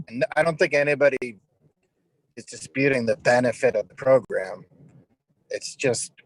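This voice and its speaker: A man's voice: mid-range voice, poor audio. A man speaking in a public meeting over a video call with a choppy connection, earnest and repeating words as he makes his point. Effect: video call audio with a connection breaking up. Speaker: town meeting participant.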